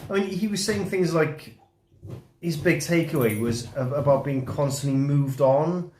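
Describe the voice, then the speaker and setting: A man's voice: fairly high pitch, unhurried, a little mellow, a little hiss or hum. Man, hesitant, echoey room. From Wales. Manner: hesitant, rephrasing as he explains. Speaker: vlogger's husband and guest. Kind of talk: casual chat about books.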